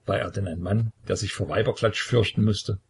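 A male audiobook narrator with a deep, very husky voice full of gravelly fry. He reads a historical novel in a measured, solemn way. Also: fairly even intonation. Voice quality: husky, creaky.

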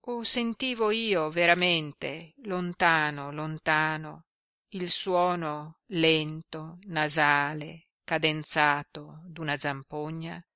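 A woman volunteer reader from Italy narrating a novella in a measured, expressive way. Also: sits low, no room sound, clean studio sound. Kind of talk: scripted narration.

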